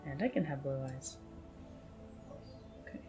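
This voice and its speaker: Low-voiced chatty woman gamer. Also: lively intonation, measured pace, music in the background. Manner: chatty, sudden high exclamations. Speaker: gaming host. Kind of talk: casual game commentary.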